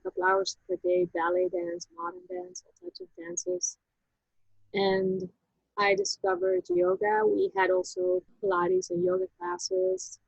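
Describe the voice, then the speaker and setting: High, gravelly woman. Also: a little mellow, no echo, muffled recording. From Netherlands. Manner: halting and reflective, with frequent restarts. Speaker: interview guest. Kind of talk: personal story in a casual interview.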